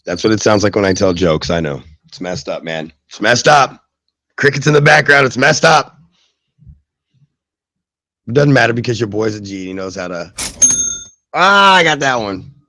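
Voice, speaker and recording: A man's voice: low voice, bright, forceful tone, no room sound. A male host of a live web radio show, who grew up in the southwestern US and Germany, talks loosely with lots of fillers and self-mocking jokes.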